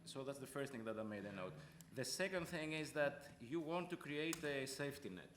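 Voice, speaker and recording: A man's voice: mid-range voice, animated, normal speed, fairly bright tone, roomy sound, a little hiss or hum. A man from Greece speaking as a panelist, earnest and repeating points for emphasis. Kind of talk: panel discussion.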